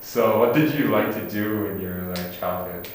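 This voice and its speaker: A man's voice: fairly low pitch, normal speed, a little hiss or hum. Male interviewer from South Korea, hesitant and filler-heavy, recorded in a strongly reverberant room. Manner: tentative, frequent "like" and "oh". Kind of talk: casual oral history interview. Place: university hall room. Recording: echoey room.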